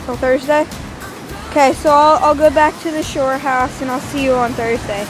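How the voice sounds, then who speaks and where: A young woman casually narrating a handheld vlog outdoors, in an excitable, exclaiming manner. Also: high-pitched, normal speed, poor audio. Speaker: vlogger. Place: outdoors on a beach. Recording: outdoor beach recording with music.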